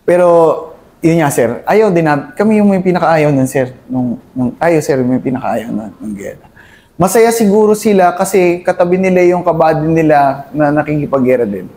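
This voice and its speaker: A man's voice: fairly high pitch, animated, moderate pace, dark tone. A man from Cavite in the Philippines, an army officer, speaking earnestly as an interview guest and adding "sir" to nearly every phrase. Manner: earnest, mixes English into his talk. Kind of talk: candid interview talk.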